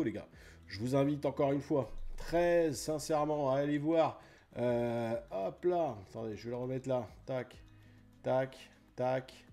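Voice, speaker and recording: A middle-aged French man streaming a game, chatting casually with viewers by name and filling pauses with little sound words. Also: medium pitch, warm tone, slightly rough. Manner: chatty, greets viewers by name, fillers like "tac" and "hop là". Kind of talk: casual let's play chat.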